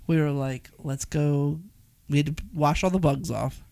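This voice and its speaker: A woman's voice: deep voice, steady tone, measured pace, vocal fry, mellow, no room sound. A woman co-hosting a podcast, telling a road trip story in casual chat and filling her speech with "like". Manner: chatty storyteller, many "like" fillers. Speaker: podcast co-host.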